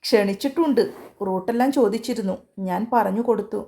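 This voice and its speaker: A woman's voice: medium pitch, fairly quick, creaky, natural voice. A woman voicing a chatty older female colleague. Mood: plain. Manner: hushed, coaxing.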